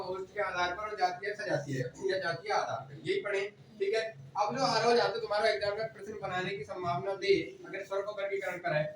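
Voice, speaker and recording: High-voiced teacher in an echoey classroom. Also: male voice, a bit bright. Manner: drills students with repeated questions and answers. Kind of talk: classroom lecture. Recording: echoey room, distant mic, faint noise.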